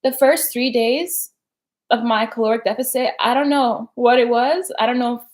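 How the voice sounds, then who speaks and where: A woman's voice: on the high side, fairly even intonation, normal speed. A young woman hosting a casual live stream, chatty and slangy, peppering her talk with "like" and "right?". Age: young adult. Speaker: personal development host.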